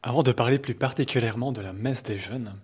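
A young man hosting a radio show, giving clear, scripted introductions and questions. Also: mid-range voice, fast. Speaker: radio host.

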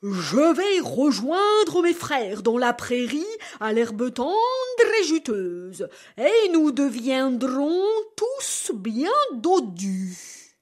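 A woman doing a bold, loud big billy goat. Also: high voice, very animated, drawn-out words, exaggerated voice. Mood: defiant.

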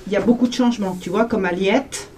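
A woman's voice: mid-range voice, fast, darkish tone, slight background noise. A woman, a care home worker, gives a casual workplace briefing. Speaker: care home staff member. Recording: distant mic, busy voices around.

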